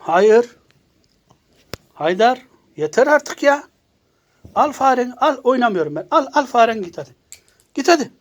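A man's voice: very high-pitched, very animated, unhurried, pauses often, muffled recording. A man talking to his pet cat at home, scolding it and babying it in turn, with a cat meowing nearby.

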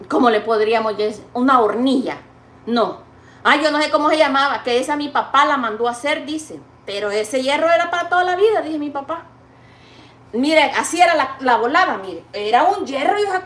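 A woman's voice: sits high, a bit bright, echoey room. A woman chatting casually while she cooks in her home kitchen, rambling fondly to the viewer. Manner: chatty, rambling, calls the viewer "niña" and "hija linda". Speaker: cooking vlogger. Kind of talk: casual chat while cooking.

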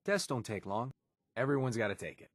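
An actor playing a dry male test proctor who reads out questions flatly. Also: medium pitch, moderate pace, natural voice. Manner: flat, matter-of-fact questioning.

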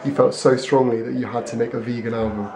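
A man talking casually to camera in a vlog, halting and self-deprecating. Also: medium pitch, little pitch movement, dark tone, slight background noise. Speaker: vlogger.

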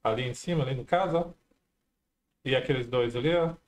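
Brisk and medium-pitched, a male gameplay streamer offers casual let's-play commentary on his own session, talking to viewers and exclaiming frequently.

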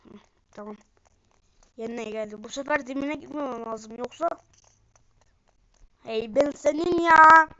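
A woman streamer giving live gameplay commentary, excitable and swinging between low mutters and sudden outbursts. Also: unhurried, long pauses, dry recording. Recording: muffled lo-fi screen recording.

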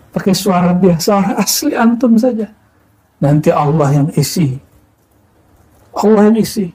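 A man in his thirties from West Sumatra, preaching calmly to students with rhetorical questions and a frequent "ya". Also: on the high side, husky, rough recording. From West Sumatra, Indonesia. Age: 30s. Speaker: Islamic preacher. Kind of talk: sermon to students.

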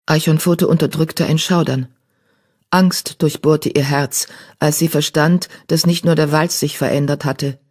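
A woman's voice: low-pitched, steady tone, measured pace, darkish tone. Woman narrating an audiobook.

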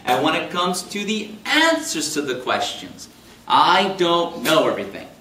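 Animated man lecturing in an echoey room. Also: fairly high pitch, unhurried. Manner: animated, jokey, talks with big hand gestures and quoted voices. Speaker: chiropractor teaching a class. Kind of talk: live classroom lecture. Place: meeting room with projector screen. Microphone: far camera in the room. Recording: roomy and distant with faint hum.

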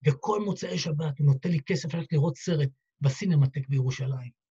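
A man's voice: on the high side, warm tone, slightly rough. A man, a rabbi, telling a heartfelt story in a dramatic sermon style, acting out the dialogue. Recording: dull lo-fi recording.

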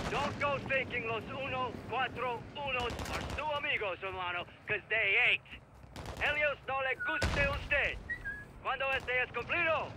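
A man's voice: very high-pitched, background noise. An actor playing a cocky, ruthless mercenary commander who taunts his enemies in a drawl and mixes in Spanish, heard as video game dialogue. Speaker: villain. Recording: game audio under loud gunfire.

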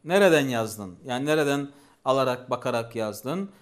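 A man's voice: medium pitch, expressive, normal speed. A man teaching a language lesson, patiently repeating each phrase and asking questions.

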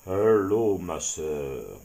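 A huge, wise old bison from a storybook, speaking in a deep, low voice, as a man acts him out. He takes his time, unhurried and solemn, every word calm and weighty. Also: creaky, heavily acted. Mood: weary. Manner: slow, deep, solemn speech. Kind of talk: storybook character voice.

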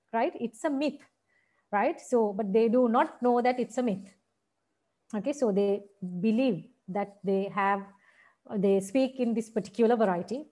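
A woman's voice: on the high side, dark tone. A woman with a Sri Lankan accent giving a teacher-training seminar, explaining point by point and checking in with "right?". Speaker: seminar lecturer.

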